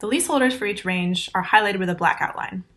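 A woman in her thirties giving a recorded conference talk over slides, explaining technical steps clearly and methodically into a laptop mic. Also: medium pitch, fast talker, fairly bright tone, faint music behind. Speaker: conference presenter.

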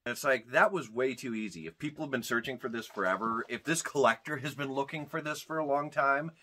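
A man's voice: mid-range voice, fairly quick, slight background noise. An American man co-hosting a movie review podcast, ranting casually and swearing a lot. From United States. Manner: ranting, profane, animated. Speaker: podcast co-host.

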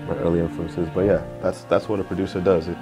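A young man from Nigeria, a music producer, talking casually in an interview in a music studio, often saying "you know". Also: deep voice. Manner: relaxed, fills pauses with "you know".

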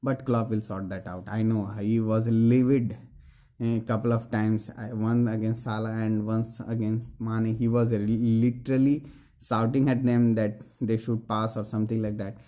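A young man with an Indian English accent, giving an earnest, halting post-match analysis to camera from a small room, with many fillers and restarts. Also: fairly low pitch, level tone, dark tone. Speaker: football fan vlogger.

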